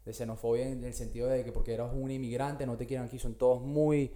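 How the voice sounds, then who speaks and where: Man, slangy podcast co-host, quick talk, mellow dark voice. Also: medium pitch, little pitch movement. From Latin America. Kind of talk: casual podcast chat. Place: Australia.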